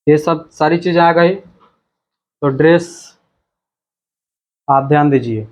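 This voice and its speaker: In a muffled recording, a man with a fairly high pitch works through a textbook lesson. His teaching is slow and repetitive, and he reads the words aloud one by one.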